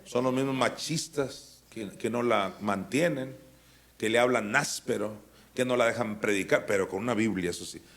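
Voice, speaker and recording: A man's voice: medium pitch, normal speed, fairly bright tone. Man teaching the Bible verse by verse. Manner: conversational, asks the listeners questions, rises to emphatic peaks. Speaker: apostle teaching a Bible school.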